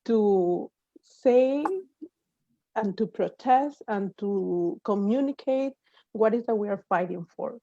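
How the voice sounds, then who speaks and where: A woman speaks in a halting, affirming way in a panel discussion. Her voice is mellow and mid-pitched. The sound is dry and a bit dull, like lo-fi call audio. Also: no echo. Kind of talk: panel discussion on community issues.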